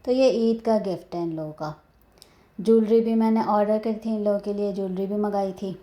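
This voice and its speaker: In a casual, rambling vlog, a woman chats at home and at a horse stable, partly outdoors, pausing now and then for prayers and blessings. Her voice is medium-pitched and mellow, with fairly even intonation.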